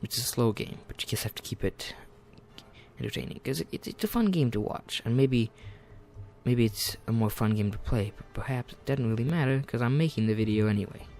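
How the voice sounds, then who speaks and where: A man's voice: medium pitch, lively intonation, fairly quick, a little mellow. A man giving rambling, self-deprecating let's-play commentary, often muttering asides to himself over faint game music. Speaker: gaming channel host.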